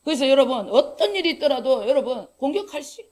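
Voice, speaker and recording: A middle-aged woman pastor, preaching a sermon in an animated storytelling way, acting out quoted dialogue. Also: high-pitched, fairly quick.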